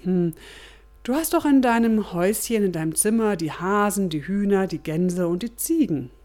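A woman voicing a wise old male rabbi who gives advice in a musing way, with a drawn-out "hm". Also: mid-range voice, lively intonation, dark tone, close to an everyday voice. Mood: calm advising.

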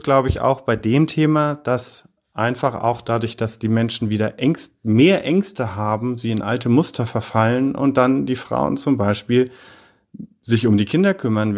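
A middle-aged man from Heidelberg, guest on a podcast interview, talking in a measured, hesitant way with frequent fillers. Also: mid-range voice, vocal fry. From Heidelberg, Germany. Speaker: podcast guest, business consultant.

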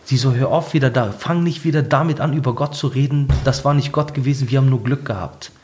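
A man's voice: mid-range voice, fast, a little mellow. A man casually telling a personal story, acting out quoted dialogue in changing voices, colloquial with lots of fillers. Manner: colloquial, many fillers and "ich so". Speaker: guest telling his life story.

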